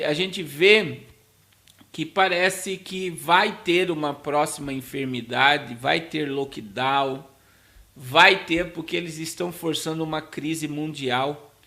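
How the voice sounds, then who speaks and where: Man, Brazilian Portuguese accent, fairly high pitch, very creaky, informal pastor commentary, halting repetitions. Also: pushed and bright. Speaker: pastor hosting a talk show. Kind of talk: informal commentary addressed to viewers.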